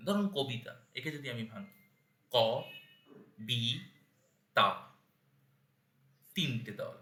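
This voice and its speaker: A man's voice: a little high, sharp tone, reverberant. A man giving a spoken lesson on verse meter, patiently breaking words into syllables one by one. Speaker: teacher of Bengali verse meter.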